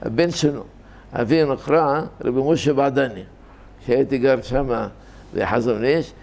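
Older male religious teacher, gravelly voice, informal and deliberate, often repeats himself and self-corrects. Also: medium pitch, darkish tone. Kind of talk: informal scholarly talk on scripture reading.

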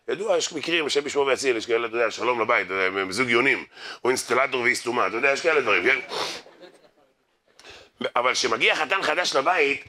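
A man giving a humorous religious lecture to an audience, telling stories, acting out the people in them and urging his listeners to pay attention. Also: medium pitch. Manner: lively storyteller who acts out others' voices and jokes; addresses the crowd directly, urging them to listen. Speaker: rabbi giving a Torah class.

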